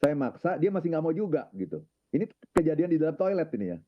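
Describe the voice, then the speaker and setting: A man calmly telling a personal story, ending phrases with filler tags, in an unhurried, reflective way. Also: a little high. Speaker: guest speaker on his own channel. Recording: narrow phone-like sound.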